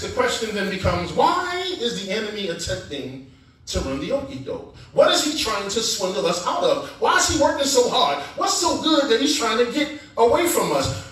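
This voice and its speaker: A man preaching a sermon as guest preacher, animated and calling out to the congregation for responses. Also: very high-pitched. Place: church sanctuary. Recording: echoey church sound from a distance.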